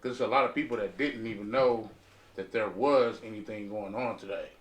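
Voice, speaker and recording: On a podcast round table, an American man speaks casually and emphatically, repeating phrases to drive points home. His voice is fairly low and brisk, and he sounds distant from the mic in a roomy, echoey space.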